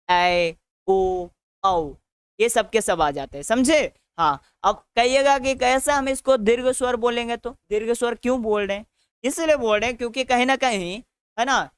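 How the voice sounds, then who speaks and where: Bihari-accented male teacher, smooth voice. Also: high-pitched, fairly bright tone, no echo. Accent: Bihari Hindi. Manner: drills students with repeated questions and answers; keeps adding the tag "है ना?". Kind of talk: online grammar lesson.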